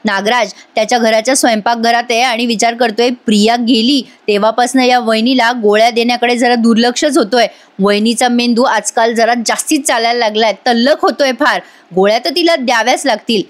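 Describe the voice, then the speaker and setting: A chatty woman reviewer narrates a TV serial episode in a voice-over and keeps turning to address her viewers directly. Her voice sits high in pitch. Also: brisk.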